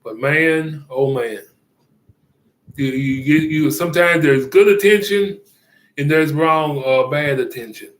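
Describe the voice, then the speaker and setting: A man giving casual commentary, rambling and halting with many fillers and restarts, chuckling often. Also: on the high side, reverberant, rough recording.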